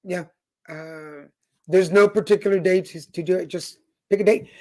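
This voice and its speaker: A co-host in a casual talk show, speaking in a relaxed, matter-of-fact way. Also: mid-range voice, moderate pace. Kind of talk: casual chat.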